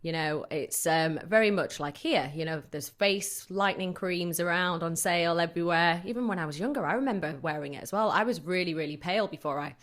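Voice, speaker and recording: Brisk and hardly pausing, a woman with a low-leaning voice tells stories in a relaxed interview. She's a fitness coach in her forties, frank and lively, and quick to laugh.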